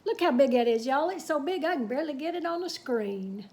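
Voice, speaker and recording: A woman with a high-pitched voice reads a children's picture book aloud, stretching out words expressively and adding folksy asides.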